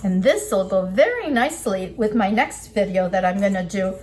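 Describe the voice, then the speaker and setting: Her pitch is medium and her tone darkish, delivered animatedly at a moderate pace. Working with her hands at a table indoors, this woman teaches a relaxed cooking demo, explaining every step, with kitchen sounds clearly audible behind her.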